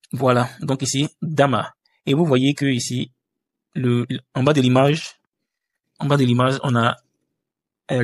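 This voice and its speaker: Male tutor walking through a screen tutorial, halting with fillers, mid pitch, dry room. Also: no echo. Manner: hesitant, many fillers and restarts. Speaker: language teacher.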